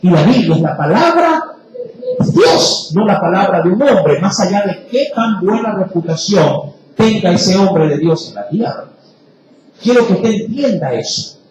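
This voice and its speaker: A male preacher delivers an emphatic sermon in a high, animated voice that swings between loud, stressed words and quiet asides. The sound rings with heavy echo from a very reverberant room, with a faint noise underneath. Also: unhurried.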